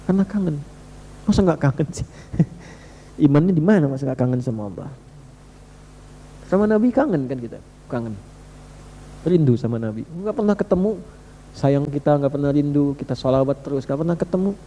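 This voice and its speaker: A man's voice: fairly high pitch, lively intonation, a little fast, long pauses, warm tone, big-room sound, a little hiss or hum. A male preacher delivering a sermon in a conversational, emphatic way, repeatedly asking his listeners rhetorical questions. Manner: conversational, addresses listeners directly.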